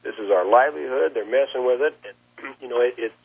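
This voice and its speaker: A Nebraska cattle rancher, plain-spoken and being interviewed, tells his story conversationally in a rough, husky, medium-pitched voice, a little fast, stopping and repeating words. The telephone line makes the sound narrow, muffled, and lo-fi.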